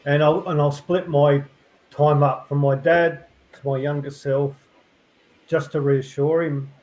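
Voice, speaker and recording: A middle-aged man, a podcast guest, talking reflectively in a rambling, halting way full of fillers and restarts. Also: fairly high pitch, a little mellow, low-quality recording. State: tearful. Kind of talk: reflective conversational interview.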